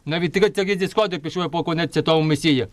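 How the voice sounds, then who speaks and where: A man's voice: on the high side, very fast, no echo, natural voice. A man performing a wrathful, boastful tyrant king in a folk nativity puppet play, speaking in a pompous, commanding declamation. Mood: imperious.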